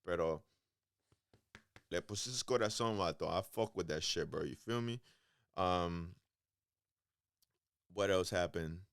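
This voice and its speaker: A man's voice: low-pitched, unhurried, long pauses, clean tone, no room sound, clean studio sound. A man hosting a casual podcast monologue, rambling and profane, talking with many hesitations and calling listeners bro. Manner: loose, hesitant delivery with many ums. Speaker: podcast host.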